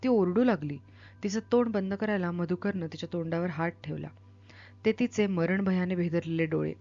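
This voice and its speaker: A woman reads a novel aloud with an expressive, dramatic delivery, then explains it in the manner of a literature teacher. Her voice is on the low side at normal speed, and the sound is lo-fi.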